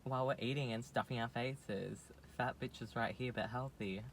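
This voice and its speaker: A man's voice: mid-range voice, steady tone, normal speed, slight background noise. A young man, casually chatting and rambling through a story, full of fillers. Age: young adult. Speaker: vlogger. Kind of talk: casual chat.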